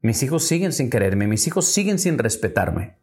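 A man's voice: mid-range voice, sing-song, moderate pace, darkish tone, voice pushed down, natural voice. A man doing a frustrated, pleading father. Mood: dejected. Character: frustrated middle-aged father pleading for help.

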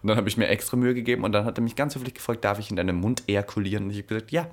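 Young male podcast co-host, low-pitched, rapid casual storyteller. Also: fairly even intonation. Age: 20s. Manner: storytelling, candid, drops voice low for quoted lines. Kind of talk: casual chat.

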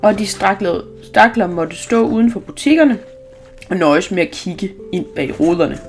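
A woman reading a children's story aloud, unhurried, with small restarts. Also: medium pitch, animated, faint music behind.

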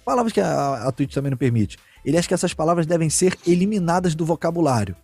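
A man hosting a casual chat, telling stories in a slangy, animated way and acting out the quotes. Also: a little high, quick pace, slightly rough, dry recording, soft background music. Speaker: streamer and podcast host.

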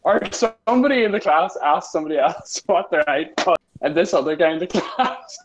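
A young man tells rambling school stories in a casual podcast chat, breaking into laughter as he goes. His voice sits a little on the higher side. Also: a little fast, slight background noise. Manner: laughs often while telling stories, rambling.

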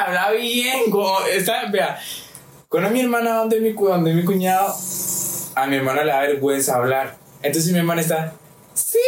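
High-voiced man chatting in an echoey room. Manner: rambling, restarts, acts out quoted voices. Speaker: podcast guest. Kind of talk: casual chat. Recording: echoey room, distant mic, faint noise.

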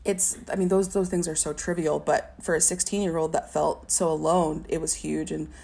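Soft-spoken young woman with a gravelly voice. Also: low voice, fairly even intonation. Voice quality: stutter. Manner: halting, many "like" fillers, soft and reflective. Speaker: interview guest. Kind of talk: personal testimony in an interview.

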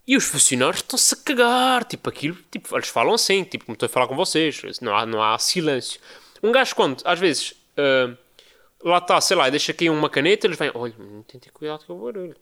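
A young man with a European Portuguese accent, hosting a podcast and telling a story casually, mimicking people he describes. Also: fast talker. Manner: animated storytelling, mimics others in high voices. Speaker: podcast host.

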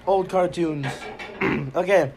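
A man's voice: high-pitched, slow pace, darkish tone. A young man hosting a casual podcast, swearing freely and rambling while hanging out at a backyard barbecue with friends. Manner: profane, rambling. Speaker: podcast host. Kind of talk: casual chat. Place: backyard barbecue, partly outdoors.

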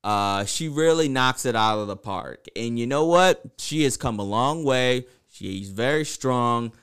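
Lively, clear-voiced man bantering on a podcast. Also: medium pitch, unhurried. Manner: playful, teasing. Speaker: podcast co-host. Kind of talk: casual bantering podcast chat.

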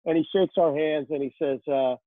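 Man, hockey reporter, chatty storyteller, slightly high voice, phone-line sound. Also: steady tone, fairly quick, dry recording. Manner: chatty storyteller, many fillers. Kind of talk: casual interview answers.

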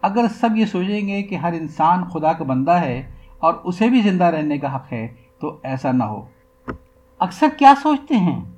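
A man reading aloud a recorded interview for a podcast, with the questions pitched higher than the answers. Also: big pitch swings, a little mellow. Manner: reads the questions at a raised pitch. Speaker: podcast reader.

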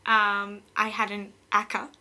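A woman's voice: mid-range voice, monotone, a little slow, bright, forceful tone. A young Australian woman at college, telling her story in a casual interview, rambling and laughing often. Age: young adult.

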